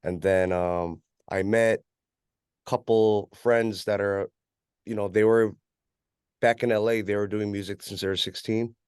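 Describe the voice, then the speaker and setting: A man from California with a West Coast accent, a rapper and music producer, chats loosely as an interview guest, leaning heavily on "you know." His voice sits on the low side, steady and a little slow, slightly mellow and clean, in a dry, clean studio recording.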